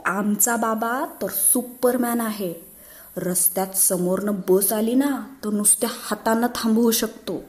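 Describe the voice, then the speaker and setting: A woman voicing a proud, touchy little boy who talks in a high, pleading, excited way. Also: measured pace, lightly acted. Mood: insistent.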